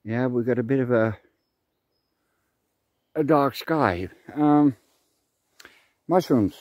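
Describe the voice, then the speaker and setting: A man's voice: mid-range voice, slow, a little mellow, no echo, clean studio sound. A man vlogging outdoors on a forest trail in light rain, chatting to himself and the camera in a rambling way. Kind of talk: casual outdoor vlog narration. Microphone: camera on a tripod.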